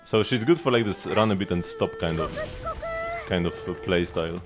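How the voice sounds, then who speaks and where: Speaking at a moderate pace in a low-pitched voice, a man streams a game and chats with viewers. His commentary is casual and offhand, like he's thinking aloud, and music plays behind him.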